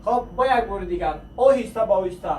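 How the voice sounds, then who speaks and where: A man with a Tajik accent teaching a beginner English lesson, drilling short phrases slowly and switching between English and his own language. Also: high-pitched, a little mellow. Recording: echoey room, mic at a distance, faint noise.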